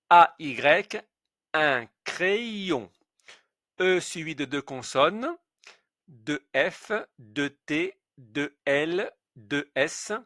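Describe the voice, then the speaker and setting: A man teaching French pronunciation, spelling out letters and saying example words slowly and clearly. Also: a little high, pushed and bright, dry recording, clean studio sound. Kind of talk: slow pronunciation lesson.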